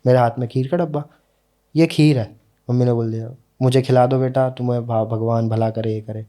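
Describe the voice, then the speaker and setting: This young man is a podcast guest telling a personal story in casual conversation, his voice mellow, steady, and medium in pitch. He recounts it earnestly and emotionally, slowing at the key moments.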